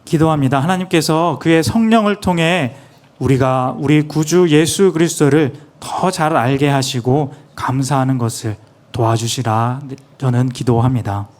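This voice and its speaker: A man's voice: fairly high pitch, unhurried. A man interpreting a sermon phrase by phrase, earnest and plain, with small restarts.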